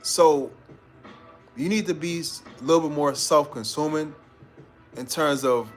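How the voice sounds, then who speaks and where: Soft music plays behind a live-stream host from New York whose voice is a little high and whose pace is measured. His motivational chat is relaxed and full of slang, and he addresses listeners as "bro."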